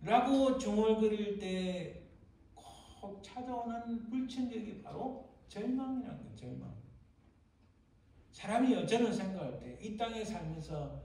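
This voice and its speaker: A man's voice: high-pitched, animated, measured pace, mellow. Pastor guy preaching, dramatic, acts out the quotes, mic far off, big echo church. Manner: dramatic sermon delivery, acting out cries and quotes. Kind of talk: sermon. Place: church sanctuary. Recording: echoey church sanctuary, voice from far off.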